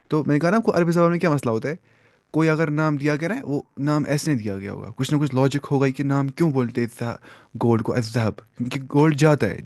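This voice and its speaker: A man's voice: mid-range voice, darkish tone, no room sound, clean studio sound. Man teaching Arabic vocabulary in class. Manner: asks questions and repeats words slowly for students. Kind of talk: classroom lesson.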